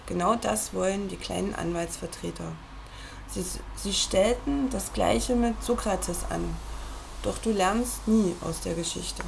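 Woman, gravelly voice, reading a book aloud, measured and earnest, addressing the listener directly. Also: mid-range voice, slight background noise. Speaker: reader.

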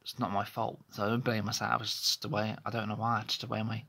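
Speaking quickly in a lowish voice with little pitch movement, this thirtysomething vlogger has vocal fry and a sharp tone. He rambles hesitantly through a personal monologue, restarting often, his phone close to his face in a small bedroom.

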